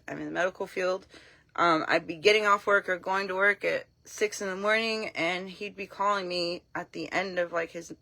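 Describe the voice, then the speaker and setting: A woman with a low, creaky voice talks casually to camera on a live stream, recorded with no room sound. She's frank and blunt, telling her story animatedly and acting out what people said.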